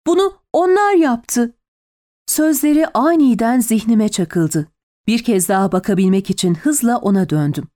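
Female audiobook narrator, mid-pitched voice, measured storytelling delivery. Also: warm tone. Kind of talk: scripted narration.

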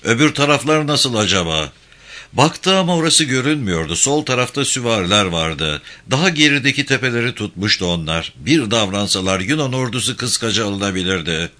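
A man reading a war story aloud as narrator, in steady, dramatic scripted narration. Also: on the low side, a little fast, few pauses.

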